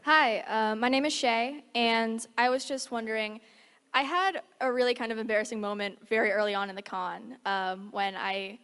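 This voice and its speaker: A woman's voice: on the high side, normal speed, a bit bright, smooth. A woman fan asking the panel a question, chatty and a little sheepish. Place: large convention hall. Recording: echoey hall over PA.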